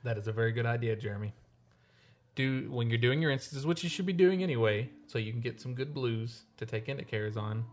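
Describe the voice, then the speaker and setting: A man's voice: medium pitch, animated, a little fast. Jokey man with a Southern US accent. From Southern United States, Arkansas. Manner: jokey, teasing. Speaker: podcast co-host. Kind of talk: casual chat.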